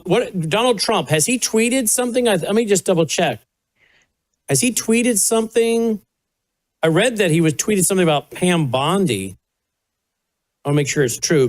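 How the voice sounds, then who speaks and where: A man hosting a talk show, halting and restarting sentences as he questions a guest. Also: sits high, lively intonation. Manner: halting, restarts mid-sentence, addresses viewers as folks. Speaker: show host.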